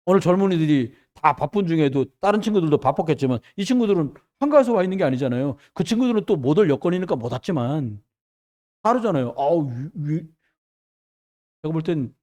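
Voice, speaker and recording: Guy preaching a sermon, high voice bouncing all over, talks right to the people, goes loud then goes quiet. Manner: emphatic, swings between loud exclamations and hushed asides; conversational, addresses the congregation often. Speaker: pastor. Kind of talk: Friday evening sermon.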